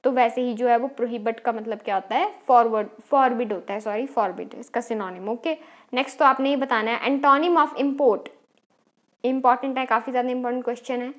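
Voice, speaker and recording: High-voiced Indian teacher woman quizzing. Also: steady tone, fairly bright tone. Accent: Indian English. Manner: explains step by step, quizzing the class with quick questions. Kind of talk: exam-prep English lesson.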